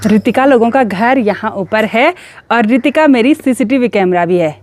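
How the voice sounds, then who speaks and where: A woman's voice: on the high side, normal speed, a little mellow. A young woman from Uttarakhand, chatting cheerfully as she vlogs outdoors around her hill village on a phone camera. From Uttarakhand, India. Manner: chatty and cheerful, teasing with neighbours. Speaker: vlogger. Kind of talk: casual vlog narration and chat.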